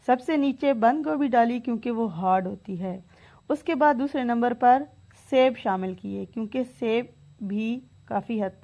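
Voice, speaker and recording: A woman hosting a cooking channel, narrating a video in a steady step-by-step way with tips. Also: on the high side, highs cut off.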